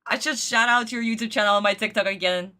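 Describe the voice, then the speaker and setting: A woman's voice: fairly high pitch, fairly even intonation, fast, noisy background. A woman doing casual livestream reaction chat, effusive and theatrical, full of endearments. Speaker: streamer reacting to anime.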